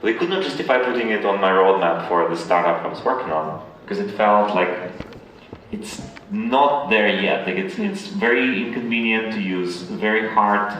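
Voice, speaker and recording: A Ukrainian tech founder, appearing as an interview guest, answers questions conversationally in a low voice with a fairly bright tone. He speaks hesitantly and haltingly, repeating words. The recording comes from a distant mic in a very echoey room, with faint noise.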